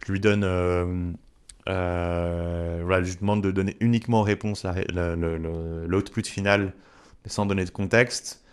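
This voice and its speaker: A man walking viewers through a software tutorial in a chatty, direct way. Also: low-pitched, steady tone, moderate pace, clear, resonant tone. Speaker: tutorial creator. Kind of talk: screen-share software tutorial.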